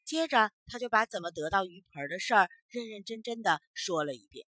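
A woman telling a children's story as a storyteller, in an expressive, emphatic way. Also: mid-range voice, a little fast, no echo.

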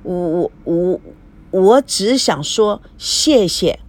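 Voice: mid-range voice, animated, takes it slowly. A reader voicing an awkward young husband who stammers in a storybook drama.

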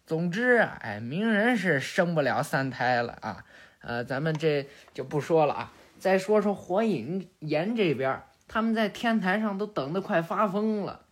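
A woman in casual recap narration, chatty and animated with many little fillers. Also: lowish voice, moderate pace.

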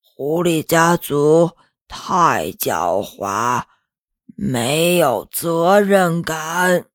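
A woman putting on an old bearded goat teacher, low voice, dragging slow words, lively pitch swings, storybook. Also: dry recording, studio quality, exaggerated voice. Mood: stern. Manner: slow, weighty, scolding.

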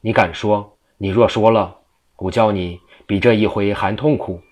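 A defiant, scheming old Taoist priest snaps threats in a storybook tale, read by a man in a low voice. He denies everything and warns the others off. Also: fairly even intonation, normal speed, a little mellow, close to an everyday voice.

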